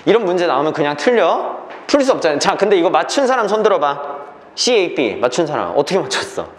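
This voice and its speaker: A man's voice: a little high, roomy sound. A man teaching an English reading class, lecturing and often checking that the students follow.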